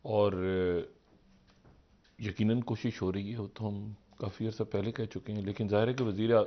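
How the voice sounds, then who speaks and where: A man giving political analysis on a live TV talk show. He rambles, poses rhetorical questions, and swings from low murmurs up to raised, emphatic peaks. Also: steady tone, moderate pace, highs cut off. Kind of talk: live TV current-affairs commentary.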